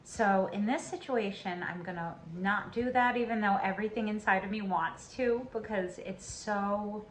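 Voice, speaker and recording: A woman's voice: medium pitch, moderate pace. Middle-aged woman, mid-range voice, chatty video-diary delivery, faint background hiss. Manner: chatty, thinking aloud. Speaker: vlogger's mother.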